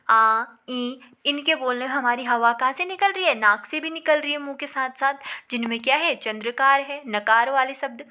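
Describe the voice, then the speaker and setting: A woman with a high, bright voice teaches a lesson. She asks the class a question and answers it herself, and stretches vowel sounds out slowly to show them. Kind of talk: classroom lecture.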